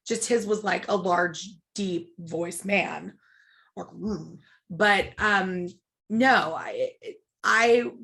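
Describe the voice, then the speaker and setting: A woman from Texas, a guest mixologist, telling stories in casual chat. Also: mid-range voice. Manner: animated storyteller.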